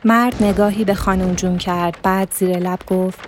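A woman's voice: mid-range voice, fairly even intonation, a little hiss or hum. Woman narrating a literary story. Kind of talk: literary audiobook reading.

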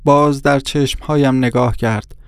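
Man, audiobook narrator, measured storytelling, smooth resonant voice, dry close sound. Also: mid-range voice, fairly even intonation, dry recording.

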